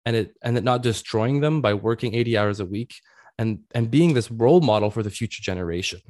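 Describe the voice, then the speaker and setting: Male coach as interview guest, mid-pitched, tidy step-by-step explanations, very dry recording. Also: fairly quick, darkish tone, dry recording.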